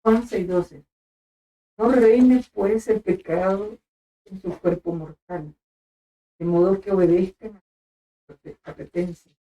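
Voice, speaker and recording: Woman reading bible verse real slow, low mellow voice. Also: highs cut off. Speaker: scripture reader. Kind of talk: reading scripture aloud.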